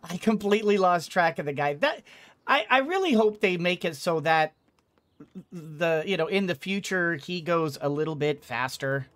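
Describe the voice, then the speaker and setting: This let's player, a middle-aged man, has a fairly high, fairly bright voice with lively intonation at normal speed. Streaming from a desk indoors, he rambles playfully and casually while he plays, with game music in the background.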